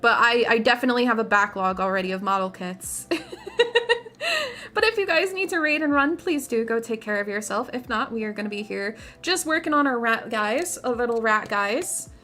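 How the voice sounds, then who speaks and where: A young woman with a bright, forward voice that sits fairly high. She chats casually as a livestream host in a cute, gushing anime-streamer manner, with playful slang. Music plays along behind her. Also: expressive, fairly quick, few pauses. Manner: cute, gushing anime-streamer delivery when greeting viewers. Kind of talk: casual livestream chat while painting miniatures.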